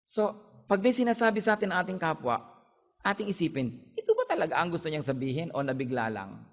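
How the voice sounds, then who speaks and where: A male pastor with a Filipino accent delivers a lively sermon, moving easily between Tagalog and English. His voice sits a bit higher than most men's. A long reverb trails after his words, as if spoken in a large hall. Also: fast. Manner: animated preaching, switching between Tagalog and English.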